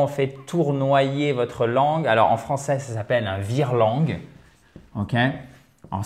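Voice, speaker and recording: A man hosting a language lesson, chatty and encouraging as he explains pronunciation with energy. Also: a little high. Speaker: language teacher and host. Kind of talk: lively video lesson.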